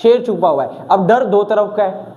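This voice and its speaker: A man's voice: high-pitched, animated, moderate pace, dark tone, muffled recording, slight background noise. A man teaching exam vocabulary, asking questions and answering them himself, with a slightly sore throat. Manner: asks questions and answers them himself, repeating key words.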